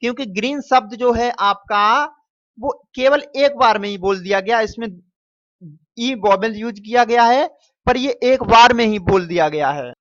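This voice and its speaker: A man teaching as he walks through an exam paper question by question. He calls his students "dear children", drawls out the answers slowly and mixes English phrases into his talk. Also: very high-pitched, a bit bright, dry recording. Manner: repeats and stretches answers slowly. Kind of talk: exam paper walkthrough lesson. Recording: dull, dry lo-fi recording.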